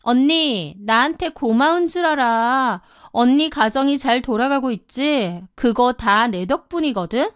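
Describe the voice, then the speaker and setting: A woman's voice: high-pitched, very animated, measured pace, hardly any pauses, smooth, no room sound, studio quality. A woman voicing a spoiled younger sister in her thirties, mocking and contemptuous. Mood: sneering.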